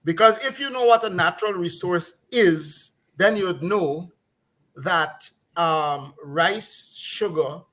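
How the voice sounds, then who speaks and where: A middle-aged Guyanese-accented man comments on a talk program, ranting casually in a mocking, exasperated way and laughing now and then as he shares his opinions. His voice sits high and slow, with a bright, forceful tone.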